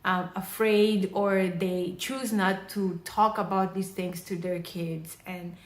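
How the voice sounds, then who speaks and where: Young woman, from Mozambique, casual storytime vlog, animated, filler-heavy, unhurried, echoey room, phone mic. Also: medium pitch. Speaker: vlogger. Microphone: phone camera.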